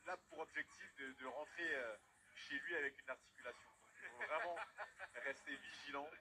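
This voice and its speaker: A man giving conversational fight analysis as a co-commentator, in halting, hesitant phrases. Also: on the high side, background noise. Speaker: expert co-commentator. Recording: music playing under the voice.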